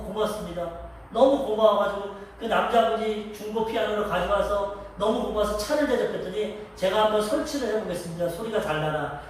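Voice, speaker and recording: A man's voice: high voice, a little hiss or hum. A male pastor preaching a Sunday sermon, telling a story and voicing the people in it. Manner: storytelling, acting out quoted dialogue. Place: church sanctuary. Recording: echoey church hall from a distance.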